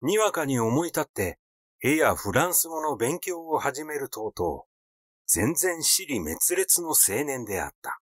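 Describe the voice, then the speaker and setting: A male audiobook reader delivers a scripted literary narration, reading a story aloud in a measured storytelling style. His mid-pitched voice travels lively across its range. The recording is dry, with hardly any room sound.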